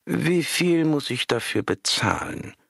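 A haughty woman drawls her questions into the phone, as a man puts her on. Her voice is pitched high, slow and dismissive. The sound is dry. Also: lively intonation, gravelly, a bit bright, husky, dry recording, exaggerated voice. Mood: drawling.

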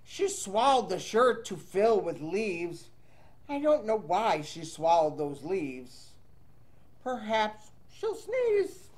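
A man reads a picture book to children without hurrying, his pitch swooping wildly in a playful sing-song. Between lines he chats casually with the young listeners, giving an animated read-aloud.

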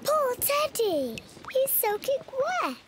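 A woman's voice: extremely high pitch, big pitch swings, slow, very noisy, heavily acted. A performer playing a cheerful, bossy little girl piglet in a cartoon, chirpy and childlike. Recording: cartoon with loud music underneath.

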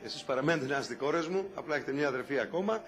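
Calm measured man guest, plain mid voice, soft music behind. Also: medium pitch. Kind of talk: calm personal account.

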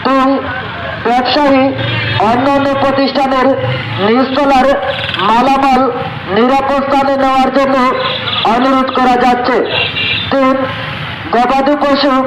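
Man announcing over an outdoor loudspeaker. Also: very high-pitched. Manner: slow, measured, phrase-by-phrase delivery. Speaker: public announcer. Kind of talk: public flood warning announcement. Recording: echoey loudspeaker with outdoor noise.

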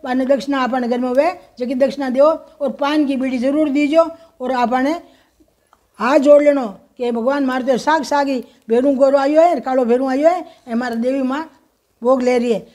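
Rajasthani lady teaching a home puja, high voice, motherly, calls everyone beta, slow singsong chanting. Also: steady tone, mellow. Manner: folksy, motherly, addresses viewers as children; slow, sing-song chanting of mantras. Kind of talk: instructional talk with mantra chanting.

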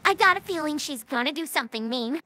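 A synthetic text-to-speech voice of a young filly pony, giving flat, commenting reactions. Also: female voice, high voice, fast. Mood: chatty.

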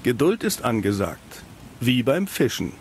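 Cynical noir detective. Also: male voice, medium pitch, very animated, unhurried, faint music behind. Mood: businesslike, suspicious. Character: world-weary cynical male private detective in a fantasy city. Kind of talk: scripted video game dialogue in German dub.

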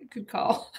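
A vlogger in her forties runs a live cooking stream, baking in her home kitchen as a camera on the counter captures her. She chats with her viewers in a casual, meandering way.

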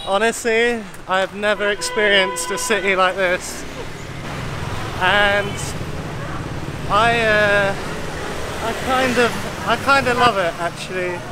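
Out on busy streets at night, a thirty-something male travel vlogger talks casually and eagerly to a camera held at arm's length. His high voice stays steady, slow and full of pauses against a noisy background.

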